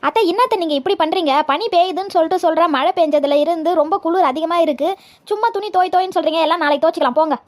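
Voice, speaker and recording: A sharp-tongued young daughter-in-law, played by a woman in a comedy skit. Her voice is high and she fires off her words quickly. The recording is close and dry. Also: no room sound. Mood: grumbling.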